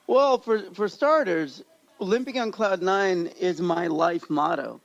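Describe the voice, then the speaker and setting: This man sits high in pitch and talks slowly with some vocal fry, and the recording sounds muffled. He's an American co-host of a podcast, Pakistan-born and Kansas-raised, spinning upbeat, jokey stories in relaxed conversation.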